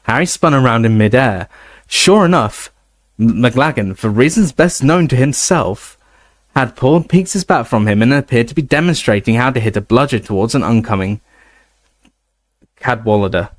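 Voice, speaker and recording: A man reading a novel aloud in an expressive way, now and then stumbling and restarting a word. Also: medium pitch, normal speed, no echo. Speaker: reader. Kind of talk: audiobook reading.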